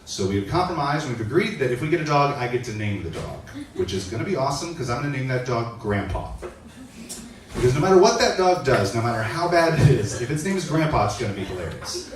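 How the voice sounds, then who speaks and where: A man in his forties performing a stand-up set, deadpan stories broken by shouted bits. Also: medium pitch, fast talker. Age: 40s. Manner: deadpan storytelling with shouted bursts for voices. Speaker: stand-up comedian. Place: comedy club stage. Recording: echoey club from far off, noisy. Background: audience laughter.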